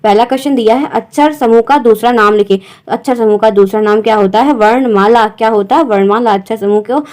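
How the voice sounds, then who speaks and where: A woman teaching an exam-prep lesson, going through questions step by step and often asking whether everything is clear. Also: a little high, fairly quick, a little mellow.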